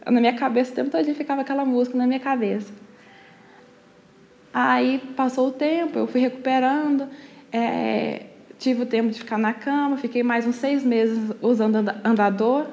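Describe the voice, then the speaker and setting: A young adult woman from Brazil telling her personal testimony in an earnest storytelling manner, often slowing down, with frequent fillers. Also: high voice, a little mellow. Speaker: church member sharing testimony.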